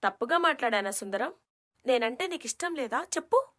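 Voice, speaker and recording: A woman voicing an impulsive, naive young female alien in an animated story, blunt and outspoken. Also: high voice, a little fast. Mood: eager. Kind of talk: storybook cartoon voice acting.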